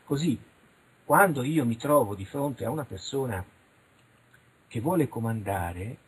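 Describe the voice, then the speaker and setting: A man's voice: mid-range voice, expressive, measured pace, husky, poor audio. A middle-aged man from Italy, talking frankly and animatedly in a radio interview, now and then acting out little dialogues. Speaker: interviewed researcher. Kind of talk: radio interview, casual monologue.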